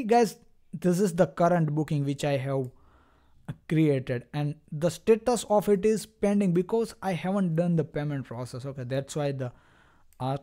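In an unscripted screen-recorded software demo, a man with a slightly high voice talks straight to viewers, explaining each step haltingly.

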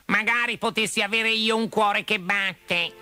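A man voicing a gentle, sorrowful man of tin in a storybook reading, sighing and mournful. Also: high voice, steady tone, moderate pace, faint music behind, voice pushed up. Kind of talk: storybook character voice.

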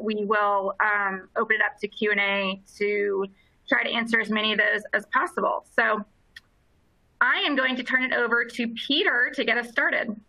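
A woman opening an online panel with brisk, practical announcements over a video call. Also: fairly high pitch, pushed and bright, rough recording. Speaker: event organizer. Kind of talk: event housekeeping announcements.

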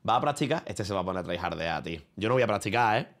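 A man's voice: fairly low pitch, expressive, rapid-fire, fairly bright tone. A man from Spain with a Spanish accent, chatting casually and rambling on a livestream from his room, with plenty of swearing and slang. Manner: rambling, profane, slangy, talking to viewers and a friend. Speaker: streamer.

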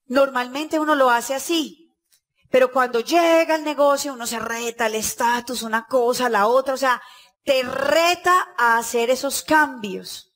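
A woman's voice: sits high, measured pace. A woman giving a motivational talk to an audience at a business conference, telling stories and acting out the dialogue. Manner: lively storytelling, acting out dialogue.

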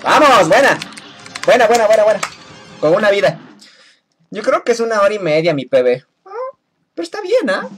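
A woman's voice: mid-range voice, animated, a little fast, long pauses, a bit bright, faint music behind. Playful woman streaming a game. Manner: playful and teasing, laughs often. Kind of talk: casual live-stream chat while gaming.

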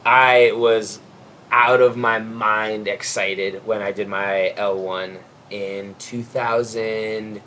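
A man's voice: on the low side, fairly even intonation, takes it slowly, pushed and bright, a little hiss or hum. A man in his thirties hosting a casual backyard chat, upbeat and friendly, recorded outdoors on a covered patio by a camera mic at a distance. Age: 30s. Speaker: host.

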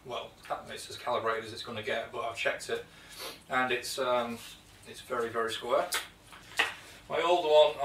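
A man's voice: medium pitch, noisy background. A man in his thirties with a British accent, chatting casually about his tools in a home workshop, rambling with fillers and restarts. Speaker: woodworking video host. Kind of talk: casual show-and-tell vlog. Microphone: camera mic from a few feet away. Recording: echoey workshop, distant mic.

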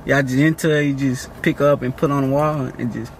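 A man's voice: medium pitch, fairly even intonation, a little fast, slight background noise. A man from on a blind date, laid-back, slangy and a little boastful. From Louisiana, USA. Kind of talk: casual flirty chat.

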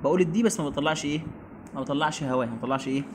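A man's voice: on the high side, rapid-fire, background noise. A man with an Egyptian Arabic accent teaching beginner English, repeating each word and quizzing his pupil.

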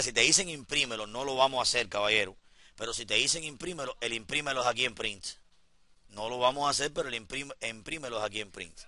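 A man teaching a software class in a classroom, repeating each step and talking straight to his students. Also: mid-range voice, no echo. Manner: repeats instructions, addresses students directly. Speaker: computer instructor.

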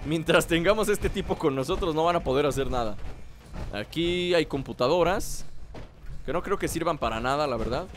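A Mexican man hosts a casual gaming let's play in a slightly high, animated voice. He rambles playfully as he goes. Faint game noise sits behind his voice. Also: normal speed. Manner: playful, rambling to himself and viewers. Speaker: gaming host. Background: video game ambience.

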